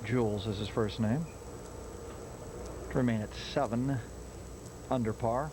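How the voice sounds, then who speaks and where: A man's voice: mid-range voice, measured pace. Male golf commentator over outdoor noise. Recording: noisy outdoor broadcast.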